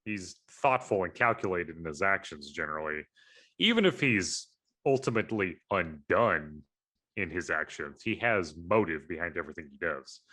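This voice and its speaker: Deep-voiced man musing at length. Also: lively intonation, moderate pace, sharp tone. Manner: analytical, rambling with fillers. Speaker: podcast co-host. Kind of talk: casual chat.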